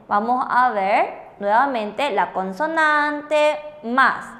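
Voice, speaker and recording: Female teacher, high-pitched, patient, repeats and confirms each answer. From Paraguay. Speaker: language teacher co-hosting. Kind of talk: classroom explanation with questions.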